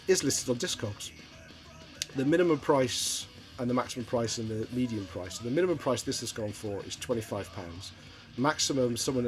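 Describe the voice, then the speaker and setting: A middle-aged man from Wales, chatting casually and hesitantly through a show-and-tell of his record collection. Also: medium pitch. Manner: rambling, hesitant, many ums and restarts. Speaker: vinyl collector vlogger.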